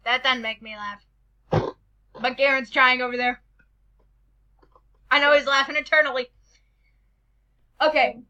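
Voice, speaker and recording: A woman's voice: sits high, steady tone, a little slow, pauses often, pushed and bright, dull audio. A woman hosting a casual joke-reading challenge, reading jokes aloud and stumbling over the words.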